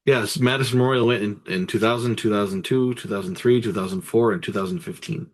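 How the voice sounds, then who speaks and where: A man's voice: lowish voice, fast talker. A man runs through sports records and figures. He sounds matter-of-fact, listing details one by one in casual commentary. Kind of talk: casual sports talk with statistics.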